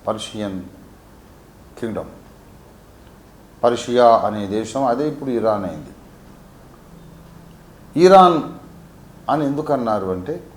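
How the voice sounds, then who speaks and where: A man from Warangal, a pastor teaching a Bible sermon, swinging between quiet asides and emphatic peaks. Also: lowish voice, echoey room. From Warangal, India.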